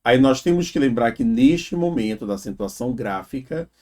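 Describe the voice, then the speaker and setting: A warm, animated man of medium pitch teaches a grammar lesson for exam prep, walking through it step by step. He explains slowly, stretching out example words and frequently checking in with "né?" and "tá?".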